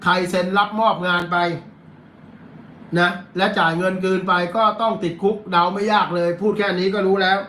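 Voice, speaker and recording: Thai lawyer host, man, high bright voice, blunt and coarse, filler-heavy live commentary, echoey room. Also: little pitch movement, moderate pace. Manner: blunt and coarse, repeats fillers, reads headlines aloud. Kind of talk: casual live-stream commentary.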